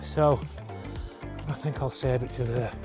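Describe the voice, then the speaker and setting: With music playing in the background, a travel vlogger and host delivers casual walk-and-talk commentary while hiking uphill on a forest trail. His medium-pitched voice keeps a steady tone and measured pace, though he sounds exerted from the climb. His chatty remarks carry a wry understatement.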